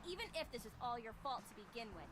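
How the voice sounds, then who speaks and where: A woman voicing a fiery, hostile young female student in a visual novel game, with a sharp, scolding and dismissive manner. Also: on the high side, sing-song, quick pace, crowd noise. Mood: grudging. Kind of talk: game voice acting.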